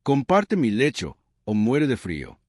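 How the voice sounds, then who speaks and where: A man's voice: fairly low pitch, big pitch swings, a little mellow, dry recording, studio quality. A man voicing a stern, proud widow. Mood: grave, commanding. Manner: slow, grave, measured.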